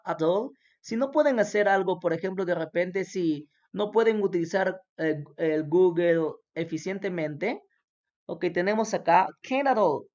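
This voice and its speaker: A woman whose first language is Spanish leads a classroom lesson at an unhurried pace. She patiently says each word slowly and repeats it so her students can echo it back. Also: fairly low pitch, a little mellow. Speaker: English teacher.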